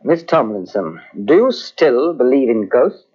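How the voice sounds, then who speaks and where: An actor playing a courteous, dogged police inspector in an old radio mystery, clipped and probing. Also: male voice, medium pitch, very animated, a little slow, breathy edge. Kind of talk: 1950s radio drama acting. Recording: dull old radio transcription.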